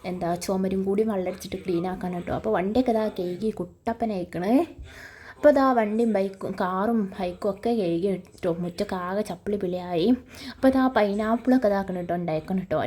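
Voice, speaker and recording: Fast-talking mellow woman narrating a vlog. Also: medium pitch. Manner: chatty, explains each task step by step. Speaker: vlogger. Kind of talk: casual voice-over narration.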